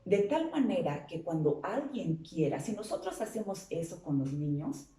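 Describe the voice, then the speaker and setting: A woman's voice: on the low side, animated, moderate pace, mellow. A woman psychologist, guest on an interview show, explaining patiently and asking rhetorical questions. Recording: roomy sound from a distance.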